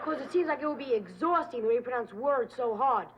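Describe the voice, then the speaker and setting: An actress playing a snide young woman who teases an investigator in a deadpan, mocking way. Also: sits high, fast. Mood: teasing. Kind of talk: 1970s sitcom acting.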